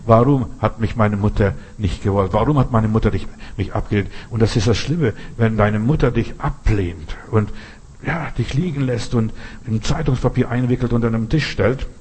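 A man's voice: fairly low pitch, normal speed, a little mellow, a little hiss or hum. A man preaching a sermon in German, which he learned as an adult, with earnest repetition and rhetorical questions. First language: not German.

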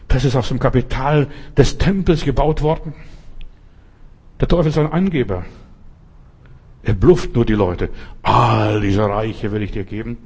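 Husky-voiced man preaching emphatically. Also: medium pitch, darkish tone. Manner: emphatic, talks straight to the listener. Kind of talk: sermon.

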